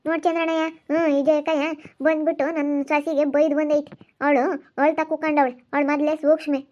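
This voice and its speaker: A woman playing a quarrelsome, sharp-tongued village woman in an amateur skit. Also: high voice, little pitch movement, natural voice. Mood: aggrieved. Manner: scolding, rapid back-and-forth bickering. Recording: dull lo-fi audio.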